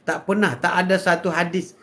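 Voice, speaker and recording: An older man with a Malaysian Malay accent giving a live religious talk, swinging between loud, high exhortation and low murmurs. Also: steady tone, fairly quick. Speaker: religious speaker.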